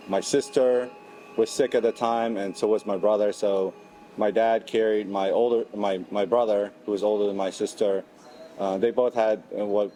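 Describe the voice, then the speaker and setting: A middle-aged man from Cambodia, recounting memories in a documentary interview in a reflective, halting way with many restarts. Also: fairly low pitch, mellow, a little hiss or hum, poor audio. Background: background music.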